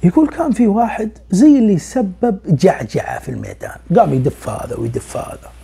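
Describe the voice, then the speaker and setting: Fast, gravelly storyteller man. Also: sits high. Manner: lively, acts out dialogue, drops to whispers. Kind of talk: oral storytelling of a spooky tale.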